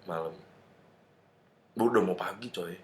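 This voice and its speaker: A man, chatting on a podcast and telling a story with lively acted-out voices. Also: sits low, unhurried. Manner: animated storytelling, acting out voices. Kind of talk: casual chat. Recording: echoey room.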